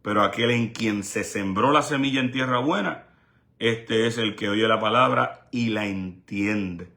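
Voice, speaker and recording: A man's voice: on the low side, a little slow, vocal fry, pushed and bright. A male evangelist delivering a sermon with an emphatic, repetitive preaching cadence.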